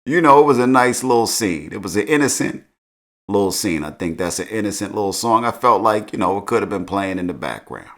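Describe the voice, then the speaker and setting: A middle-aged man with a fairly low voice recaps a TV show. He talks in a relaxed, slangy way and keeps chuckling through the story. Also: brisk. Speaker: TV recap host.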